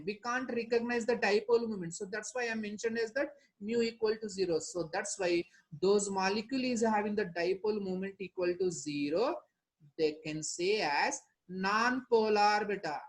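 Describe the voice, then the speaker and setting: A woman's voice: a little high, rapid-fire, rough recording. A woman with a Telugu Indian accent teaching a lesson, repeating key points and often checking with short question tags. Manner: instructive, repetitive, frequent question tags. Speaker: chemistry teacher.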